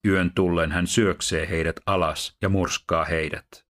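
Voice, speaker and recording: A man reading Bible passages aloud in a steady, measured way, then going on to teach about them. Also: sits low. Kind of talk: scripture reading.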